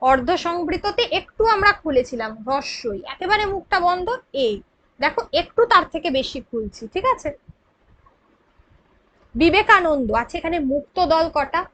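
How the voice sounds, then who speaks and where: High-voiced woman teaching grammar. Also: fairly bright tone. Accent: Bengali. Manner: patient, explains slowly and checks in with listeners. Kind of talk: exam prep grammar lesson.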